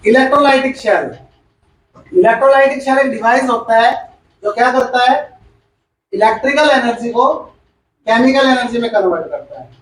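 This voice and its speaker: A man's voice: very high voice, lively intonation, moderate pace, long pauses, a bit bright, slight background noise. A male chemistry teacher gives a classroom lecture. He repeats each point and quizzes the class as he goes. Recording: echoey room, far from the mic.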